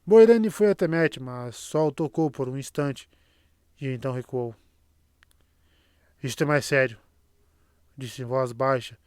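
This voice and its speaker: A man narrating a fantasy audiobook in a steady, even storytelling manner. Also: mid-range voice, moderate pace, clean tone, dry recording, clean studio sound. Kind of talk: scripted narration.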